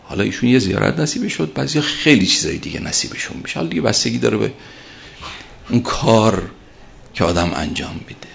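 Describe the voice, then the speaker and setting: Man preaching a storytelling sermon; deep, gravelly delivery, emphatic and repetitive. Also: sing-song, a bit bright, lo-fi sound, slight background noise. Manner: emphatic, repeats key phrases.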